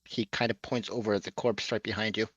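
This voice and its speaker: A man narrating as game master of a tabletop game, amused and lively. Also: fairly low pitch, fast talker, husky, no room sound, muffled recording.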